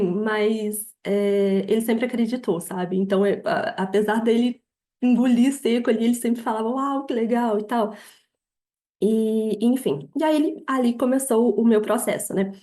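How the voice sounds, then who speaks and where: Young brazilian woman guest on a podcast, kinda high voice, tells stories animated w lots of laughs. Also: normal speed. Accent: Brazilian Portuguese. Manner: lively storyteller who laughs often and acts out quoted dialogue. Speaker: podcast guest, affiliate marketer. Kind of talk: casual interview storytelling.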